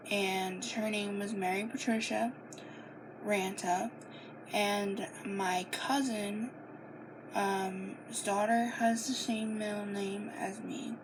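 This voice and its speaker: Young woman, casual sit-down Q and A, slow and halting delivery, audible background noise. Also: mid-range voice, fairly even intonation. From Maine, United States. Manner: halting, many fillers and restarts, reading questions aloud. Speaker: vlogger answering questions. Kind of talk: casual Q and A monologue. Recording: noisy home recording.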